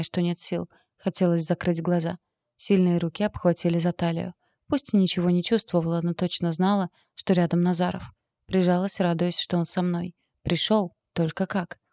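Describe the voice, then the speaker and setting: A woman reads a first-person audiobook in an even, steady way. Her voice is low and warm-toned. The recording is close and dry. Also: moderate pace, dry recording. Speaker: audiobook narrator.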